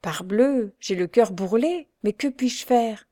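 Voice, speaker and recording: A woman's voice: fairly high pitch, expressive, a little slow, warm tone, dry recording, clean studio sound, voice pushed up. Woman reading a blunt exasperated doctor. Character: exasperated older male doctor, blunt and troubled.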